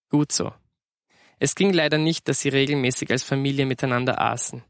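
A man reading a story aloud in a calm, even storytelling manner. His voice sits in a mid register. The recording is close and dry, with no room sound. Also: medium pitch, creaky, no room sound. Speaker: narrator. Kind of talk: scripted story narration.

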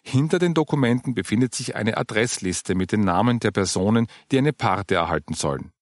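A man reading the part of a calm older churchgoing woman who patiently explains her funeral plans. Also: fairly low pitch, brisk, no echo, studio quality, lightly acted. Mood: explaining.

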